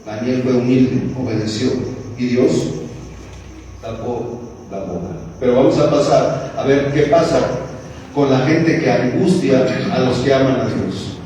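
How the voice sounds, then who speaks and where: A Mexican man preaching a sermon. He moves between calm Bible reading and emphatic exhortation that grows more insistent. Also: mid-range voice, unhurried, slight background noise. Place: large church hall. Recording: echoey hall recorded from a distance.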